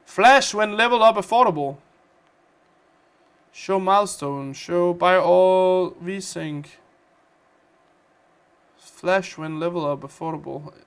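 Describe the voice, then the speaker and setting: Man, Danish accent, livestream game host, chatty, playful, slightly high voice. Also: takes it slowly, pauses often, fairly bright tone, clean tone. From Denmark. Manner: chatty and playful, reads out viewer comments. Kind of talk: casual gaming livestream chat.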